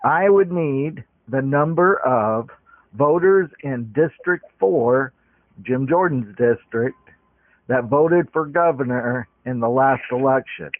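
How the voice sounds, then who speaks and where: A man's voice: medium pitch, lively intonation, slow, dry recording. Brief: man talking over the phone, polite and methodical, thin dry phone-line sound. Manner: polite, methodical, explains at length. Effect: heard over a phone line. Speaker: caller. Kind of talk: phone call. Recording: tinny dry phone call recording.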